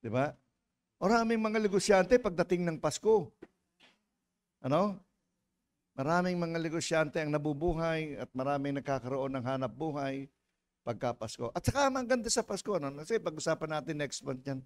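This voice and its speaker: A man's voice: fairly high pitch, lively intonation, normal speed. A man from the Philippines preaching a sermon as a pastor, mixing Tagalog and English and firing rhetorical questions at the congregation. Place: church.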